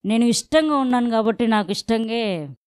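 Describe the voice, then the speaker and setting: A woman's voice: fairly high pitch, animated, fairly quick, no echo, studio quality. A young woman, earnestly recounting her pregnancy as an interviewee. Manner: addresses interviewer as madam constantly, earnest. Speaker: patient interviewee. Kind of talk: interview testimony.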